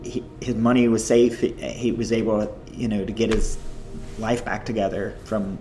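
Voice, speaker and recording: A man, a missionary guest, telling stories in an interview in an animated, chatty way full of "like" and "you know". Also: lowish voice, normal speed, a little hiss or hum. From United States. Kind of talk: storytelling interview.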